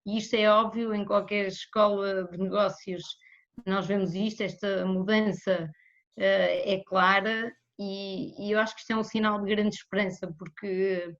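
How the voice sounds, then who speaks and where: A woman with a European Portuguese accent, answering as a guest in an interview about economics in a measured way. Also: medium pitch, fairly even intonation. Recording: slightly muffled lo-fi audio.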